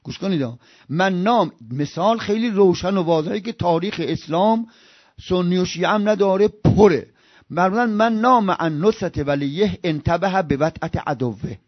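A man preaching an impassioned sermon. He swings from loud outbursts to hushed murmurs and chants scripture in a slow recitation. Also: sits high, no echo, muffled recording.

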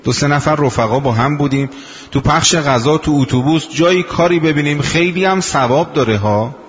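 A man in his sixties preaching a sermon in unhurried storytelling, slowing down for quoted sayings. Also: fairly high pitch. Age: 60s. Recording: dull lo-fi recording in a reverberant hall.

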